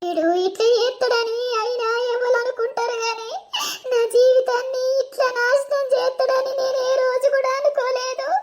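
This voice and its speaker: A woman's voice: very high-pitched, little pitch movement, normal speed. A woman voicing a young, mistreated village bride who whimpers and pleads. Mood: self-pitying. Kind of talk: animated village comedy voice acting.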